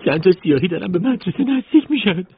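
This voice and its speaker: Young teen fighter, played by a man, urgent and hushed, husky voice, tinny phone-like sound. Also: high-pitched, big pitch swings, exaggerated voice. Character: young male teen fighter defending a city.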